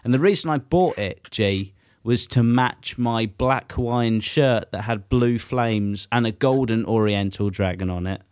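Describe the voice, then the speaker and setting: A man in his mid twenties talks in loose, rambling casual chat, swearing freely and getting animated as he goes. His voice sits at an ordinary middle pitch. The sound is dry and close, with no room around it. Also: a little slow, few pauses, clean tone, no room sound. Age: 20s.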